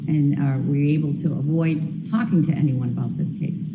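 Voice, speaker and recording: A woman's voice: deep voice, steady tone, a little fast, mellow. A woman speaking as a judge, addressing a courtroom, recorded in an echoey room with noise behind her.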